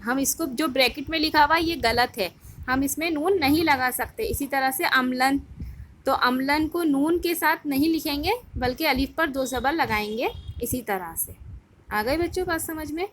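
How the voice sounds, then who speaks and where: A woman teacher giving a recorded grammar lesson to children, patiently asking the class questions and answering them herself. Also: sits high. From India. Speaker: school Urdu teacher.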